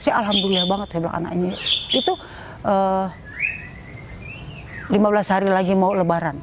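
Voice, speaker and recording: A middle-aged woman giving an emotional personal testimony in an interview, her voice rising high when she is moved. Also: steady tone, fairly quick, heavy background noise.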